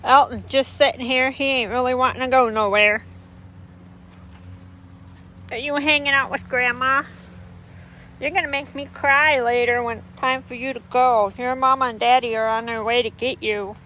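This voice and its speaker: Woman, Michigan accent, doting baby talk, outdoors by a lake, bright tone. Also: high-pitched, fairly even intonation, normal speed, slight background noise. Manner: cooing, doting baby talk to her dogs. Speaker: dog breeder. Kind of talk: casual chat to puppies and viewers.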